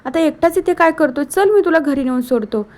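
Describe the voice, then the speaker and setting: A woman voicing a caring, harried young father as she retells a serial episode, reading his lines gently and coaxingly in her own voice. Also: high-pitched, expressive, a little fast.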